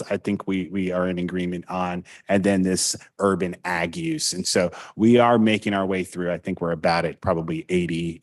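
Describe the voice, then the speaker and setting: Deep, measured male committee chair. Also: dry recording, studio quality. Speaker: committee chair running a public meeting. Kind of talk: procedural meeting talk, semi-formal.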